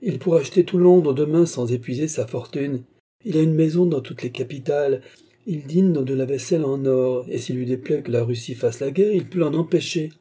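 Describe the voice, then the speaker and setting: Teasing amused painter voiced by a man, brighter and higher than the narration, husky. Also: brisk. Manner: breezy, teasing. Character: cheerful amused male painter friend.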